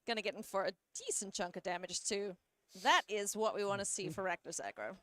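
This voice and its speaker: A woman's voice: medium pitch, sharp tone, dry recording. Playful woman calling a card game. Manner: playful, quick to laugh. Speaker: game commentator. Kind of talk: live play-by-play commentary.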